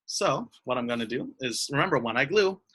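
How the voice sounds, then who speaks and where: A young teacher leads little kids through a craft over a video call. The voice swings widely in sing-song praise. It has a bright, clear edge. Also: mid-range voice, lively intonation, brisk. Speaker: elementary school teacher. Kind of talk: online craft lesson for young children.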